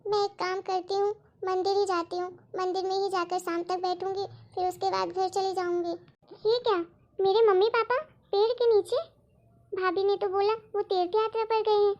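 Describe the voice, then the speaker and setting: A woman's voice: very high voice, fairly even intonation, moderate pace, a little mellow, highs cut off. A woman voicing an anxious, helpless young married daughter in a family drama story, talking emotionally and pleadingly. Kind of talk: storytelling role-play.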